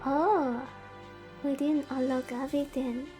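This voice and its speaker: As host of a VTuber game stream, she chats casually over a visual novel with playful, dramatic lament. Her voice sits high and sounds mellow, with fairly even intonation and a slow pace, set against background music.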